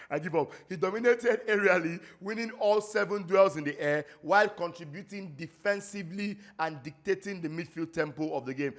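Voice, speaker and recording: A man's voice: high voice, normal speed, few pauses, fairly bright tone. A Nigerian man hosting a casual football roundup, chatty and stumbling over foreign names now and then, slipping into pidgin asides. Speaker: football show host.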